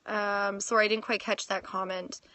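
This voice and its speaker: Bright, chatty woman in her thirties. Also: mid-range voice, little pitch movement, moderate pace, no room sound. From Canada. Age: 30s. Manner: chatty, reads viewer comments aloud, laughs often. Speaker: fitness livestream host. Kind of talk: casual live Q&A. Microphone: phone.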